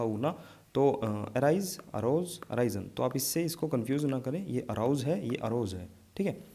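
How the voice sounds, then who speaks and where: A man's voice: medium pitch, mellow. A man teaching an exam vocabulary lesson, explaining memory tricks and checking in often with his students.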